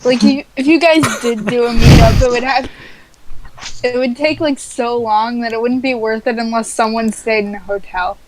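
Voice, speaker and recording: A woman's voice: a little high, steady tone, normal speed, darkish tone, slight background noise, low-quality recording. A woman co-hosting a podcast, chatting casually in a hesitant, questioning way. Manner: hesitant, questioning, many fillers. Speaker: podcast co-host. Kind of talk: casual chat.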